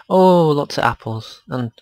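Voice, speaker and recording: A man playing a game with a friend, easygoing and quick to laugh. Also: fairly high pitch, darkish tone. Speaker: co-player. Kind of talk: casual chat while gaming.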